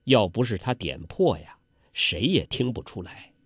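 Male storyteller, traditional style: slow, very animated, dramatic. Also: lowish voice, husky, no echo, studio quality. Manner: dramatic, swings between loud exclamations and hushed asides.

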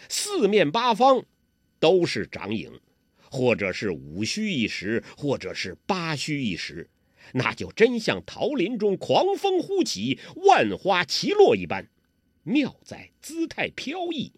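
A man's voice: medium pitch, slightly rough, no room sound, clean studio sound. A man telling a martial-arts novel in a vivid, dramatic storytelling manner. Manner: lively, vivid, dramatic emphasis.

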